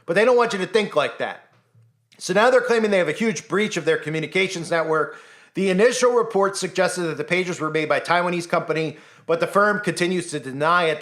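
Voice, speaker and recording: In a slightly high, fairly bright voice, a man rants through conspiracy commentary for his channel. He is rhetorical and insistent, sometimes playing out voices he imagines.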